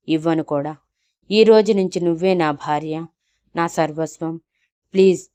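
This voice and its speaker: A woman voicing a remorseful young man, soft and pleading. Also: lowish voice, clean tone, close to an everyday voice.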